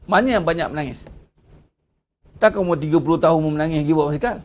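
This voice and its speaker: A man's voice: on the high side, rapid-fire. A man with a Malaysian Malay accent giving a Ramadan religious lecture, preaching conversationally with rhetorical questions. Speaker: religious teacher.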